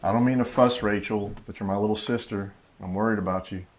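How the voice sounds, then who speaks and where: An actor playing a concerned older Southern brother who speaks in an earnest, practical way, in a live staged reading. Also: male voice, medium pitch, steady tone, brisk, a little hiss or hum, natural voice, low-quality recording.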